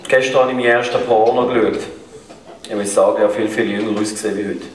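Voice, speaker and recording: A man's voice: fairly low pitch, fast, natural voice. A man playing a hapless boastful immigrant. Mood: deadpan boasting. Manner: deadpan self-mocking one-liners. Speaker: comedian on stage. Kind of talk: carnival stand-up routine. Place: large carnival show hall. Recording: echoey hall, distant mic, crowd. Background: audience laughter.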